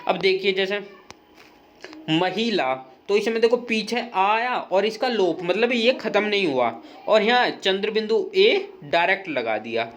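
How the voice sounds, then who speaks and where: A man's voice: high voice, lively intonation, measured pace, slight background noise. Guy teaching grammar, patient, keeps repeating himself and checking you got it, talks right to you. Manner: patient and repetitive, checks in with "ठीक है"; talks straight to the viewer, pointing things out. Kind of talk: explaining grammar in a recorded lesson.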